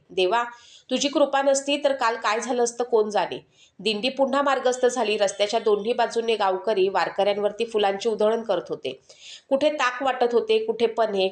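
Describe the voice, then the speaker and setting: Woman storyteller, middle-pitched, steady earnest narration, roomy reverberant sound. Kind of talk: scripted narration.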